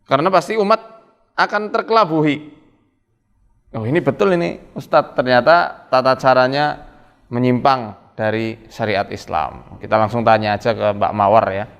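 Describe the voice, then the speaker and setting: A man's voice: medium pitch, clear, resonant tone, big-room sound, muffled recording. A man who gives a religious talk, then interviews a guest with short questions and murmured prompts.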